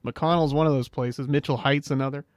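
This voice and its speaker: A man hosting a local radio call-in show, talking in a smooth, easygoing radio host manner into a studio microphone. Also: mid-range voice, steady tone, a little fast, no room sound.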